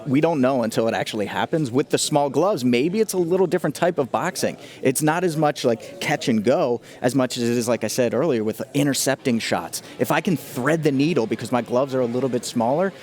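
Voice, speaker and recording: A man's voice: medium pitch, fairly quick, hardly any pauses, a little mellow. A man giving casual, slangy and enthusiastic fight analysis as a commentator.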